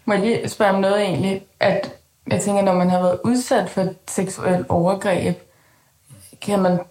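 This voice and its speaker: Woman, interviewer, mid pitch, probing follow-up questions, roomy echo. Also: fairly even intonation, darkish tone. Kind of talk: conversational interview.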